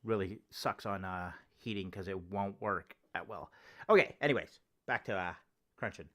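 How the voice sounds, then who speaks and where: A man talks into a close desk microphone in his living room. His voice sits a little low but has a bright, forceful edge. He rambles in an offhand way and swears freely. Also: moderate pace. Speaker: vlogger testing gear. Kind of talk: casual home demo. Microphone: close desk microphone with homemade foam cover.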